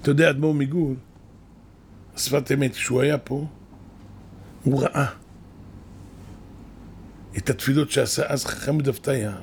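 Gravelly-voiced man preaching a sermon. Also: mid-range voice, steady tone, pauses often, a little mellow, slight background noise. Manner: storytelling with rising emphatic bursts. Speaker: rabbi.

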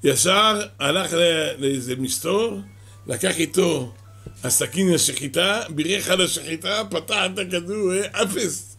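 A man telling a moral parable to a listener in lively storytelling, with sighs and asides. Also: high-pitched, breathy edge, soft background music.

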